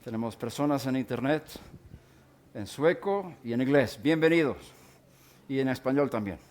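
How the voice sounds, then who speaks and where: A middle-aged man teaching a sermon-style Bible lesson, speaking deliberately and pausing to define and repeat key words. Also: medium pitch, animated, a little mellow.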